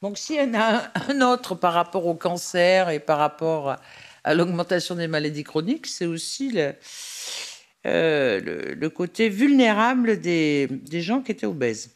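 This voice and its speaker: A woman's voice: lowish voice, very animated, normal speed. A woman moderating a seminar off the cuff, in loose, broken phrases. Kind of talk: spontaneous moderating.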